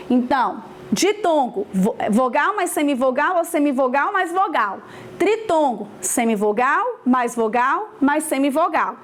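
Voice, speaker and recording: A woman teaching grammar, explaining step by step, repeating key points and checking in with the class. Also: sits high. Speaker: Portuguese teacher. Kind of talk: online grammar lesson.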